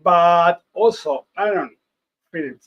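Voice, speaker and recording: A man from Argentina with an Argentine Spanish accent chats casually as a podcast host, excitable and repeating words for emphasis. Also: sits high, takes it slowly, muffled recording, a little hiss or hum. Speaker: rabbi hosting a podcast.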